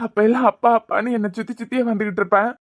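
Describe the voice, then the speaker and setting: Speaking in Kanyakumari Tamil for a cartoon, a woman voices a grieving young father who is a doctor, pleading softly and sadly with his frightened little girl and repeating her name. Her pitch is fairly high and her tone steady, the words come rapid-fire, and the voice sounds close to everyday speech. The overall mood is one of pleading.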